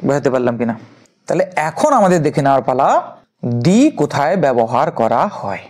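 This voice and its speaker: A woman's voice: a bass voice, lively intonation, fairly quick, a little mellow. A woman teaching an English grammar lesson, asking questions and answering them herself as she drills her learners. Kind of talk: classroom lesson.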